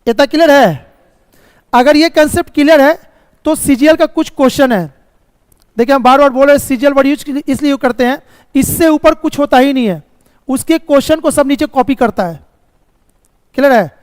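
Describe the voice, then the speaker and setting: A man's voice: very high voice, moderate pace, pauses often, dry recording, long reverb tail. A man teaching a reasoning class live, explaining step by step, checking often if students follow, and sometimes scolding them about the course. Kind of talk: live online class lecture.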